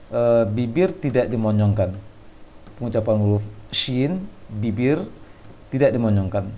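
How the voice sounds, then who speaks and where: A man teaching Quran reading online, slowly giving corrections and repeating each point to demonstrate sounds. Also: lowish voice, warm tone.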